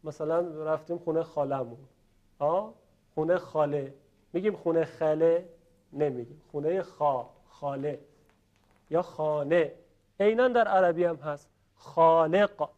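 A man teaching a class on pronunciation, explaining patiently, checking often that students follow and voicing sounds slowly to show them. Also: fairly high pitch, a little mellow, muffled recording. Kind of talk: classroom lesson on Quranic pronunciation.

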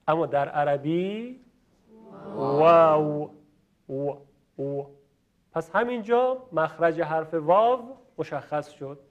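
High-voiced male recitation teacher, lo-fi. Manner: patient, demonstrates pronunciations, asks viewers to repeat. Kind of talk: classroom-style lesson. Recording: dull lo-fi recording.

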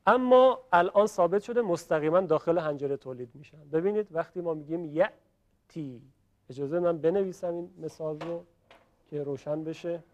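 Patient male teacher, slightly high voice. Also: darkish tone. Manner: explains patiently, often checks on the class with questions; demonstrates sounds by voicing them slowly. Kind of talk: classroom lesson on Quranic pronunciation. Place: classroom with students.

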